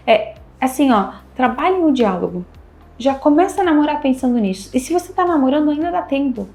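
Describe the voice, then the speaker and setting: A woman's voice: high voice, dark tone. Emphatic Brazilian woman giving dating advice. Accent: Brazilian Portuguese. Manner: emphatic, repeats key phrases, acts out little dialogues. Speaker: relationship advice host and couples therapist. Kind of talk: casual advice talk to camera.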